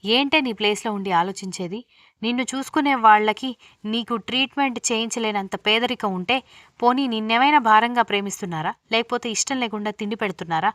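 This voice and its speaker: A woman voicing a young married woman who scolds her younger sister with sharp, sarcastic questions. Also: a little high, quick pace, no room sound, clean studio sound, close to an everyday voice. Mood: angry.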